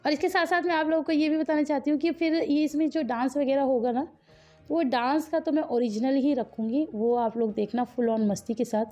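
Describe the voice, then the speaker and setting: Chatty higher-voiced woman vlogger. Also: steady tone, brisk, mellow, highs cut off, faint music behind. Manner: chatty, talks straight to viewers, quizzes them. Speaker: family vlogger. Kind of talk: casual voice-over narration of a wedding vlog.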